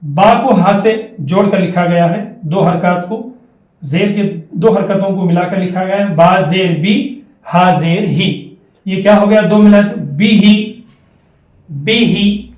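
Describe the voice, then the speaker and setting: High-voiced slow-spoken male teacher. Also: darkish tone. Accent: Hyderabadi Urdu. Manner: spells letters out one by one and repeats syllables, drawn out. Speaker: Quran recitation teacher. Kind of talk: slow, deliberate classroom lesson. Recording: roomy, distant mic.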